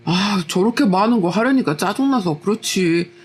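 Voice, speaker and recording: A woman's voice: mid-range voice, lively intonation, moderate pace, slightly rough, faint music behind. A woman voicing a lazy, defensive young husband who whines and brushes off every complaint, as part of a told story. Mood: irritated. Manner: whiny and irritable, brushing off complaints. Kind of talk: storytelling with acted dialogue.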